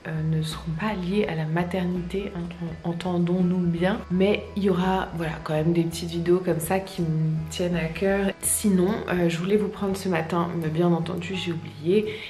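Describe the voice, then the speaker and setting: A young woman chatting casually to her viewers in a soft-spoken, hesitant and reflective way. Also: on the low side, fairly even intonation, normal speed. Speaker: vlogger and ASMR creator. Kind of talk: casual personal vlog, talking to viewers. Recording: roomy, echoey sound with faint music.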